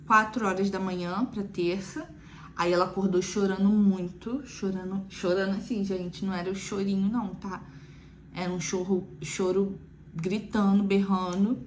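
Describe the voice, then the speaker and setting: Young mom for a casual vlog: chatty, mid-range voice, slight room noise. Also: female voice, mid-range voice. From Brazil. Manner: chatty, frequent "né" asides. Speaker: mother telling her weaning story. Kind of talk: casual chat to viewers.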